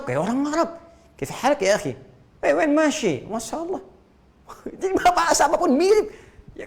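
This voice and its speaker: A man giving a religious lecture as a preacher, animated and rhetorical, with quick jokes and questions to the audience and repeated phrases for emphasis. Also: fairly high pitch. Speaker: Islamic preacher.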